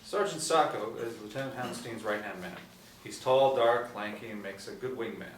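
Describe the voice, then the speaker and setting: A mid-range male voice at a moderate pace reads out a screenplay's stage directions as narrator; he is middle-aged, taking part in a table reading. The small indoor room comes through clearly, with a distant mic, roomy sound and light background noise.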